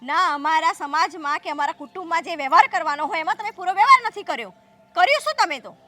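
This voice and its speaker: An actress playing a domineering sister-in-law who scolds and argues sharply in a family drama. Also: female voice, very high-pitched, animated, fast, bright, forceful tone, heavily acted. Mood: scolding. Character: domineering, haughty sister-in-law of adult age. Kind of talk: scripted family drama dialogue.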